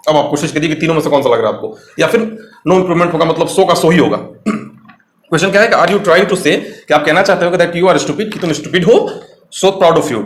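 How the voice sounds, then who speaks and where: A man giving an exam-prep grammar lecture, explaining step by step and quizzing the viewer. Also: on the high side. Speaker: English teacher. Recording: echoey room.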